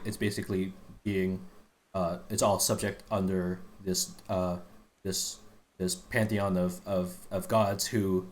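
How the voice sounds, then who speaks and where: A man talks on a live stream in a fairly low register. He is earnest and eager but rambling, circling back through fillers and half-finished phrases as he lays out a game's backstory for his friends. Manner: rambling, full of restarts and fillers, earnest explainer. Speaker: streamer explaining game lore to friends. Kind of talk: casual live-stream chat.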